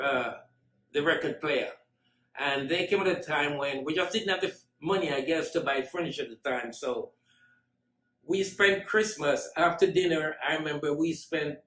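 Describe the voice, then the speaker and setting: A man giving a fond, reminiscing eulogy with gentle self-mocking humor. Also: on the high side, a little hiss or hum. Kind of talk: memorial eulogy. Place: large school hall. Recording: echoey hall.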